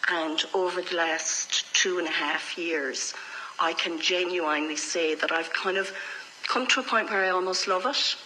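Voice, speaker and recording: A middle-aged woman with an Irish accent tells her own story frankly and reflectively as an interview guest, sharing candid personal stories in conversation. Her voice is fairly low, pushed and bright, at a moderate pace. The audio is poor, with slight background noise.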